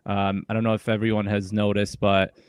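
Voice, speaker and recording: A man hosting a casual community show, talking in a relaxed way with lots of fillers. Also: on the low side, brisk, clear, resonant tone, no room sound. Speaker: host. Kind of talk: casual chat.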